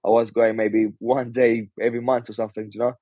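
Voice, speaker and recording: A Romanian-born pro boxer in his twenties answers casually, hesitating often and saying "do you know" a lot. He talks fast in a mid-range voice with little pitch movement, and the audio is dull and muffled but has no echo.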